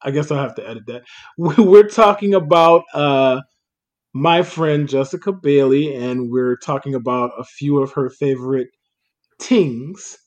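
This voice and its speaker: A man's voice: medium pitch, moderate pace. A man co-hosting a podcast in casual chat, laid-back and laughing often, trailing off with fillers. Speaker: podcast co-host.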